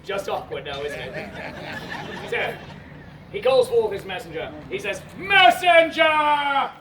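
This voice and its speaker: Animated high-voiced man performing outdoors. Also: measured pace, a little hiss or hum. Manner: animated, bossy stage directions, bursts of shouting. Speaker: festival storyteller leading audience volunteers. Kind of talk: live audience-participation comedy retelling. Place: outdoor festival stage with a crowd. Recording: far-off echoey outdoor crowd recording.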